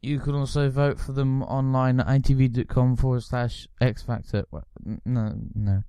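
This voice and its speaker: Guy, podcast co-host, smooth mid voice, dry close sound, rambling with a crude streak. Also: mid-range voice, level tone, normal speed, mellow, no echo. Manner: rambling, swearing, mock-announcer asides. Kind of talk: casual banter with a friend.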